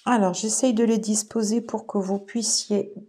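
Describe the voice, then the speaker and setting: A woman giving a casual tarot reading to her viewers, soft-spoken and peppered with fillers like "voilà" and "alors". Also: medium pitch, fairly even intonation, moderate pace. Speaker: tarot reader.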